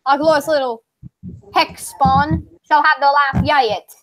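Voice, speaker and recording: A woman voicing a furious, pompous internet story author, in a put-on Southern accent and a grandiose, drawn-out rant. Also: sits high, steady tone. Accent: put-on American Southern. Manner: ranting, grandiose, slow and drawn out. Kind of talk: dramatic reading of a forum post.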